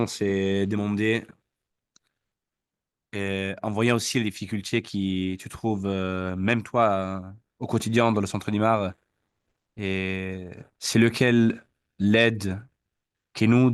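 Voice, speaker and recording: A man's voice: on the low side, smooth, no room sound, studio quality. A man moderating a talk, asking a hesitant question with fillers. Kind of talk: interview question.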